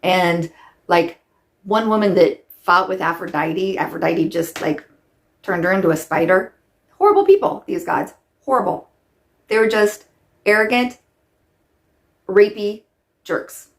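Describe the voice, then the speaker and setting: Casting note: middle-aged woman, lowish voice, chatty rambling vlogger doing makeup on camera. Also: lively intonation, unhurried, long pauses. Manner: rambling, chatty, many "like" fillers. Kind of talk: casual chat while doing makeup.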